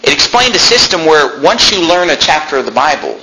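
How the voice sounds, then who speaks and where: A man in his twenties shares a personal story with a congregation, speaking casually and chattily, repeating phrases and addressing asides to the audience. His voice is slightly high, very animated, brisk, bright and forceful. The room has an echo and a little noise.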